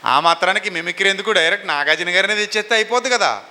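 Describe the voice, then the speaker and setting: Animated man preaching in a reverberant hall. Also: high voice, very fast. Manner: animated, questions the congregation and has them answer. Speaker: pastor. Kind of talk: sermon.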